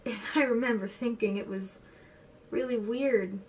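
A woman in her twenties acting a dramatic monologue as a wistful, sorrowful young woman, with a tender, halting delivery. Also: fairly high pitch, fairly even intonation, a little mellow, close to an everyday voice. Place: plain indoor room. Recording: distant mic, faint room noise.

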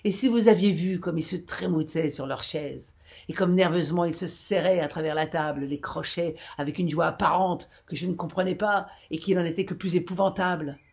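A woman reading aloud, voicing a grave, hot-tempered old sea captain who growls and bursts into angry shouts. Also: on the low side, brisk, vocal fry, slightly rough.

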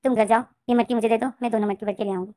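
A woman doing a soft-spoken gentle mother. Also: a little high, steady tone, very fast, no room sound, studio quality, close to an everyday voice. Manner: soft, quiet, soothing.

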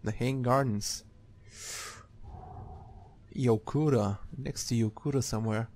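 A man's voice: medium pitch, slow pace, darkish tone, slight background noise. A man giving casual, sweary playthrough commentary, reacting aloud as he plays a game. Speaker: gamer. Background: game music.

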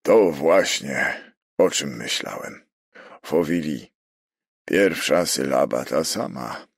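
A man voicing an agitated police prefect who talks loudly and presses his point, in an audiobook reading. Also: a bass voice, expressive, slow pace, vocal fry, husky, no echo, clean studio sound, heavily acted. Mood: urgent.

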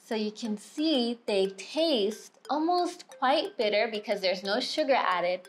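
A woman's voice: a little high, lively intonation, slow, faint music behind. A woman guest explaining a process to children, patiently and step by step. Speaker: chocolate maker guest.

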